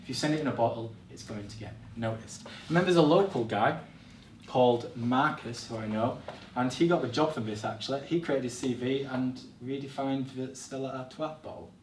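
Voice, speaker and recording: A man's voice: mid-range voice, normal speed, recorded from a distance, a little hiss or hum. Encouraging man speaking in an echoey room. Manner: encouraging, direct, addresses audience as guys. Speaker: speaker giving a workshop talk. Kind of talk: motivational presentation to students. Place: college classroom or hall.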